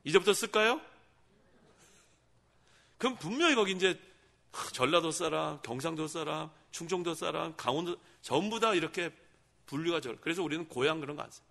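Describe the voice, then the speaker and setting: Middle-aged male pastor, bright and forceful tone, chatty call-and-response sermon style. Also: on the high side, expressive, normal speed, creaky, long pauses. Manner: conversational preaching, asking the congregation questions and answering them. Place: church sanctuary.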